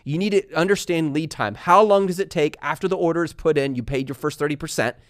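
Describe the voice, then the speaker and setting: A man from Texas and California hosting a casual live stream, talking fast and energetically while reading viewer comments aloud. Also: a little high, no room sound, studio quality. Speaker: livestream host answering viewer questions.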